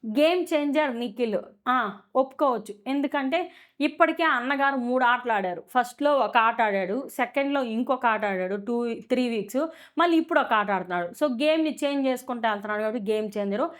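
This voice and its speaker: A woman's voice: a little high, expressive, a little fast. A woman giving a casual, opinionated review of a reality show, full of fillers and rhetorical questions.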